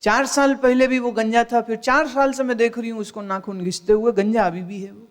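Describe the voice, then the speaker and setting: A woman's voice: fairly high pitch, fairly even intonation, a little fast. Emphatic woman giving a spiritual discourse. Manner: scolding, rhetorical questions, mixes English phrases. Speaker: spiritual teacher.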